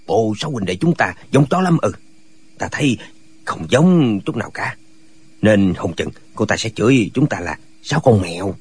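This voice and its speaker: A man's voice: on the low side, lively intonation, moderate pace, darkish tone, husky. A man voicing a group of quarrelsome, foolish male martial hermits in a radio drama reading, bickering back and forth.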